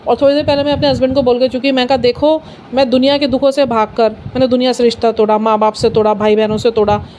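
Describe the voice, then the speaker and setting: A woman's voice: on the high side, flat delivery, fast, dark tone, slight background noise. A middle-aged woman giving an earnest, personal spiritual talk, mixing in English phrases. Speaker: satsang speaker.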